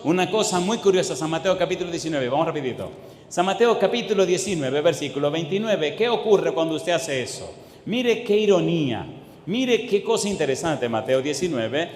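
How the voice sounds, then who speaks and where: Emphatic preacher in an echoing hall. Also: male voice, fairly high pitch. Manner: emphatic, repeats rhetorical questions to the congregation; shifts between fast bursts and slow drawn-out words. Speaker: pastor. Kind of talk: sermon. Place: church hall. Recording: echoey hall with faint ambience.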